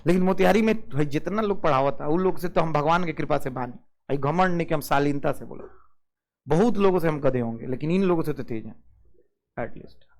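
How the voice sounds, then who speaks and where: High-voiced physics teacher. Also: male voice, a little fast, a little mellow. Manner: keeps asking the class "yes or no?" and calling students "babu"; mixes English physics terms into Hindi. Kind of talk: classroom lecture.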